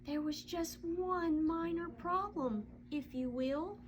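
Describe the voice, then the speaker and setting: A woman reading a children's picture book aloud as a storyteller, with expressive, dramatic delivery and drawn-out emphasis. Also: very high voice, a little hiss or hum.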